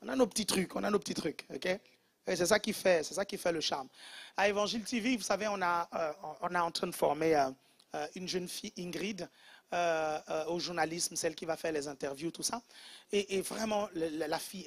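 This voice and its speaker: A man's voice: high voice, vocal fry, fairly bright tone, slightly rough. A man preaching a humorous sermon as pastor, teasing the congregation playfully and mimicking accents.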